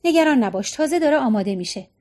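A woman's voice: sits high, expressive, darkish tone. A woman voicing a middle-aged mother who soothes and reassures. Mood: soothing.

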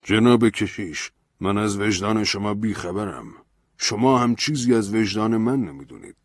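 Low-voiced male narrator as a proud, bitter man; storybook reading. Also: no echo, clean studio sound, lightly acted. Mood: defiant. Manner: bitter, defiant. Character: proud embittered grieving man, defiant.

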